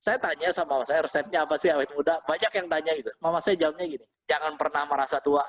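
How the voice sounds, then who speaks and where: A man with a slightly high voice preaches at a rapid-fire clip. As a pastor giving a casual sermon online, he keeps it interactive with quick questions to his listeners, exhorting them with energy and circling back to repeated phrases.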